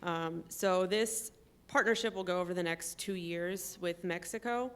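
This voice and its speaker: Woman laying out details steady and careful, lowish smooth voice, lots of ums. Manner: measured, explains step by step with frequent ums. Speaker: trip participant. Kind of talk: conversational explanation.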